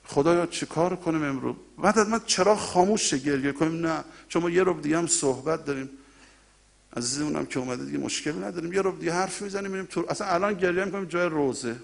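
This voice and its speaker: High-voiced man preaching a passionate sermon. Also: gravelly. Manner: impassioned, swells to loud cries then drops to quiet asides; colloquial, direct address to the congregation. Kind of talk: mourning sermon.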